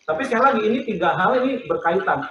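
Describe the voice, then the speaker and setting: A man, a pastor, teaching a crowd about family communication in an animated, joking way. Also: high-pitched, fast talker, lo-fi sound. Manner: animated, joking, acts out example phrases. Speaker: pastor, guest speaker. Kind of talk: teaching talk on family life. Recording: echoey room with audience.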